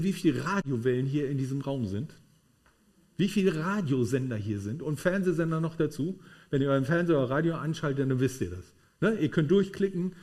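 A man's voice: mid-range voice, darkish tone. A man preaching a sermon to a congregation in a room, emphatic and checking in with tag questions.

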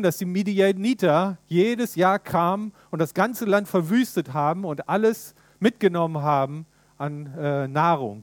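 A man preaching a sermon in a lively way, retelling a story and putting questions to his listeners. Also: fairly high pitch, dry recording.

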